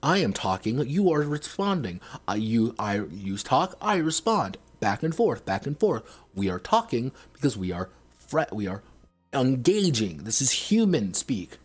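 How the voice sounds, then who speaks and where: A man's voice: medium pitch, very animated, a little slow, slightly rough. A man reviewing tabletop games on a livestream, ranting sarcastically. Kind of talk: livestream game review rant.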